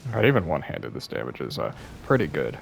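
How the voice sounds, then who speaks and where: A man's voice: a bass voice, sing-song, fast, vocal fry, soft background music. A young man giving casual, self-deprecating commentary over his gameplay, sounding a bit worn out and apologizing often. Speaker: gaming YouTuber.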